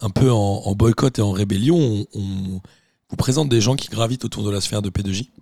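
A man hosting a casual interview podcast, chatty and relaxed, asking many questions. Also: fairly low pitch, a little fast, no room sound, studio quality. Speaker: podcast host.

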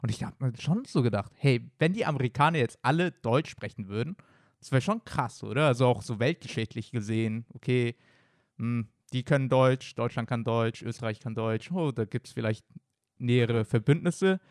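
A man in a casual chat, musing aloud in a relaxed way. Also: medium pitch, moderate pace, dry recording, clean studio sound.

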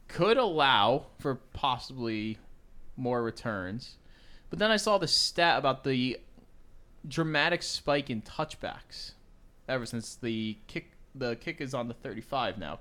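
A young man co-hosting a casual sports podcast, excitable and blunt, tossing in jokes. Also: mid-range voice. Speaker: podcast co-host.

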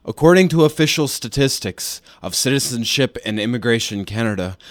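Brief: measured male news reporter, dry close sound. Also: medium pitch, no echo. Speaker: field reporter.

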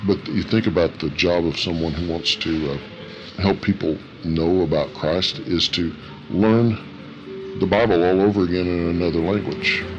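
Very deep disguised man's voice, thoughtful. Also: steady tone, dull audio. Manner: halting, thoughtful phrasing. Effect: disguised voice, electronically lowered. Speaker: interview guest, missionary worker. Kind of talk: reflective interview answers. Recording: music under the voice. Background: music.

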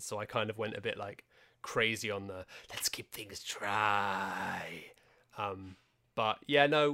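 A man's voice: fairly low pitch, pushed and bright. A man from England co-hosting a podcast, telling anecdotes in a wry, self-deprecating way. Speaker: podcast co-host. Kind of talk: casual chat.

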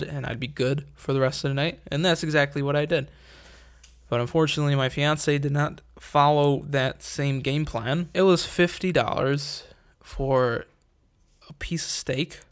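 Young male host, casual profane rant, wry and rambling. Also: medium pitch.

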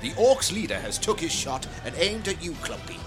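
A man's voice: a little high, big pitch swings, moderate pace. A man narrating a tabletop game as game master, bossy and teasing. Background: background music.

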